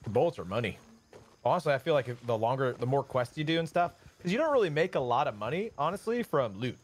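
A man's voice: mid-range voice, big pitch swings, quick pace. A man streaming a game, chatting casually with his teammates and sometimes mouthing gun noises. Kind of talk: casual gaming chat.

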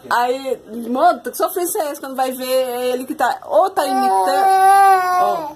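A woman's voice: high voice, normal speed. A young Brazilian woman, a mother of triplets, chatting casually to viewers at home while soothing her babies. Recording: loud background noise, babies crying.

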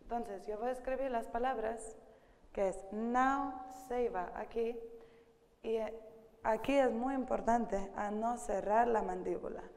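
A woman with a Russian accent, a vocal coach leading a singing masterclass who explains slowly and breaks into sung phrases. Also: fairly high pitch, warm tone. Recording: long hall reverb.

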